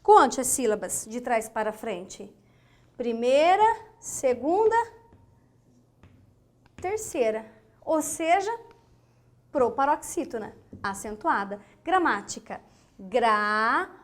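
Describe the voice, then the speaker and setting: A woman's voice: fairly high pitch, lively intonation, unhurried. A woman teaching grammar with a Brazilian Portuguese accent, counting syllables aloud and checking in with her students as she goes. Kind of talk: recorded online grammar lesson at a board. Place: lesson studio with a whiteboard.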